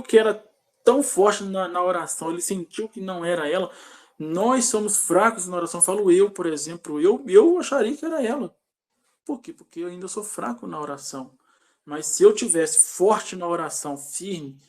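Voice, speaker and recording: Brazilian man, high-pitched, informal lay preacher; earnest, repetitive, loose devotional delivery. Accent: Brazilian Portuguese. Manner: earnest, rambling, repeats himself, acts out shouted prayers.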